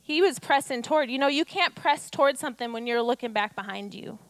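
On a church stage, a woman in her thirties delivers a sermon in a high, bright voice with lively intonation, speaking fairly quickly. She presses her points with rhetorical questions and acts out quotes, and her handheld mic captures a close, dry sound.

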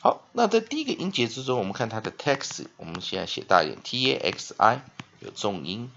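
A man's voice: medium pitch, sing-song, fairly quick, creaky, sharp tone, dull audio. A male English teacher giving a spelling and phonics lesson. He reads dictionary entries aloud, then explains them with frequent "ah" and "ha" fillers.

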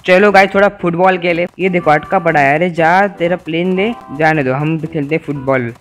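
A man's voice: a little high, steady tone, brisk, fairly bright tone, faint music behind. A young man giving playful, teasing commentary over a video game and talking to its characters. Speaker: gaming YouTuber. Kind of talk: Let's Play commentary.

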